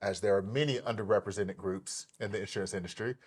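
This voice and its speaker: A man's voice: on the low side, quick pace, husky. Hyped male podcast host. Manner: animated, hyped delivery with many fillers and restarts. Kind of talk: enthusiastic interview hosting.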